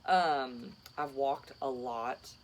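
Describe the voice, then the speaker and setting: Tired woman in her 30s rambling on casually, gravelly fry in her voice, faint hum behind. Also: very deep voice, extremely slow. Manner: chatty, rambling storyteller. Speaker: teacher and podcast co-host. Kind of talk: casual chat.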